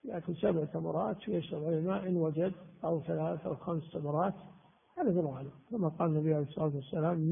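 A man teaching a religious lesson, explaining texts and grammar slowly and repeating key words. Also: a little high, vocal fry, husky. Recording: tinny phone-like sound in a reverberant hall.

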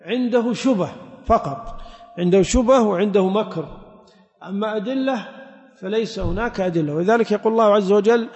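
A man's voice: sits high, brisk, a little mellow. A man giving a Quran exegesis lesson, explaining step by step and quizzing his listeners with short questions. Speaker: religious teacher. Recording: echoey hall, dull lo-fi sound.

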